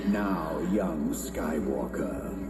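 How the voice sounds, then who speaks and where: An actor playing a cruel old emperor in a film, gloating and threatening in drawn-out phrases. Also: male voice, a bass voice, animated, heavily acted. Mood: cold gloating. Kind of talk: film villain acting. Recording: echoey chamber, loud film music.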